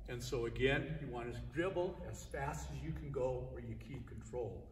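A man's voice: mid-range voice, normal speed, a little hiss or hum. An older man coaching basketball drills in a large indoor gym, talking plainly and repeating his points, picked up by a camera at a distance. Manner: plain, repetitive coaching talk, often raised while dribbling. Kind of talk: instructional demonstration. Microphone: camera mic at a distance. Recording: echoey gym from far off. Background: basketball bouncing.

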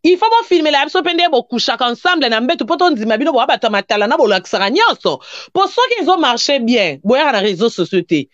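A woman's voice: high voice, sing-song, fast, no echo. A woman commentator who lectures and scolds in a casual online talk. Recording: dull muffled recording.

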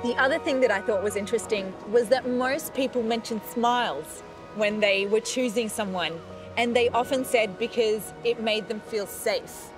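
A woman with a fairly high-pitched voice and a moderate pace interviews volunteers for a science documentary, upbeat and friendly with clear explanations. She's outdoors by a beach and also inside a parked bus. Background music accompanies a low-quality recording.

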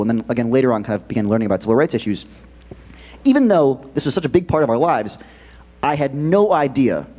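A man's voice: mid-range voice, breathy edge. A man giving a keynote talk to students in a school auditorium, speaking conversationally with lots of fillers. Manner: animated, quick conversational delivery with many fillers. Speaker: keynote presenter.

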